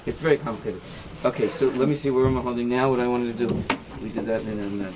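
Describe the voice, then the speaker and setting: A rabbi talks a small class through an informal lesson, showing knots with his hands as he explains each step. He keeps checking in with "right?" and drops Hebrew and Yiddish terms into his English. There is a faint hiss behind his middle-pitched voice. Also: fairly even intonation, fast talker. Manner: demonstrates knots with his hands while talking. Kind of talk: informal halacha lesson with demonstration.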